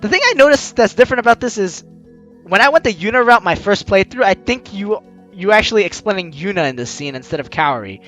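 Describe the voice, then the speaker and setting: Hosting a let's play, a man with a high, fast voice reads game text aloud expressively and comments along the way, acting out the lines. He is on a close mic with music playing behind him.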